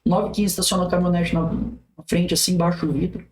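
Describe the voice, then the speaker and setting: A man's voice: sits high, fairly even intonation, fast talker, a little mellow. A man as a podcast guest, telling a personal story vividly, with restarts and quoted speech. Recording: roomy echo.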